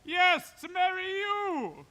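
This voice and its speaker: Man acting doting fairy-tale king, affectionate, high-pitched, unhurried, noisy background. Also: lively intonation, heavily acted.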